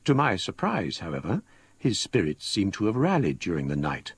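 An actor playing a composed gentleman narrating a ghost story in a measured, literary manner. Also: sits low, wildly swooping pitch, slightly rough, no room sound, heavily acted. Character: composed gentleman recounting his ghostly tale. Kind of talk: scripted first-person drama narration.

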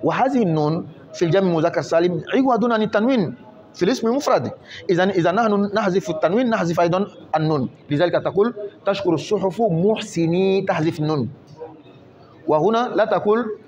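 Man, high voice, grammar teacher, patient step-by-step explanations, checks understanding, slightly muffled recording. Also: expressive, quick pace, a little mellow. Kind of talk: classroom grammar lesson.

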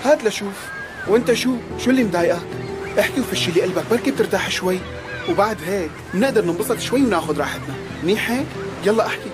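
An easygoing young Syrian man talks earnestly as a friend in a dubbed television drama. He speaks very rapidly, with music clearly behind him. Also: high voice, expressive. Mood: friendly coaxing. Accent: Syrian Arabic.

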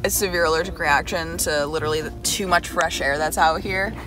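A woman's voice: low-pitched, fairly even intonation, brisk. A woman in her mid twenties chatting casually on a camping vlog, giggly and mock-serious, recorded outdoors or in a tent. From New York City. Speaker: vlogger. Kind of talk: casual joking vlog chat. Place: outdoors at a festival campsite, often inside a tent. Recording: music behind the voice.

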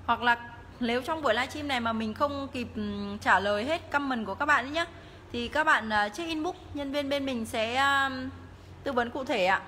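A woman giving a live, promotional sales pitch as she walks through shop rooms, repeatedly urging viewers to get in touch. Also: normal speed, sharp tone. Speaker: motorbike shop livestream seller. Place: tiled indoor motorbike showroom rooms and stairwell. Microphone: handheld phone, held by the walking speaker. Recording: noisy phone audio in echoing hard-walled rooms.

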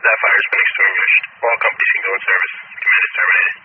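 A man's voice: fast, background noise. A man, a fire officer, giving terse, procedural situation reports over firefighter radio. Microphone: two-way radio. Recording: narrow, rough two-way radio.

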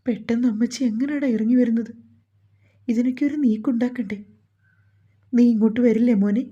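Pleading, tearful older mother from a novel audiobook, as a woman narrator puts her on, the voice dark and husky with a soft breathy edge. The recording sounds dull and lo-fi. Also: on the high side, fairly even intonation, fairly quick, pitched above the performer's own voice. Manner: emotional, pleading, scolding.

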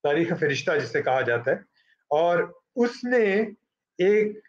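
At a book launch, a middle-aged Pakistani moderator presents the author in a very animated, slightly high voice. His speech is halting, peppered with fillers and shifts into English, and the recording is muffled.

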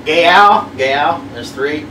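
A man's voice: fairly high pitch, a little slow. A middle-aged man bantering casually in a challenge game, sweary and grumbling. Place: small curtained room indoors. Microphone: camera a few feet away. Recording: echoey room, distant mic, noisy hum.

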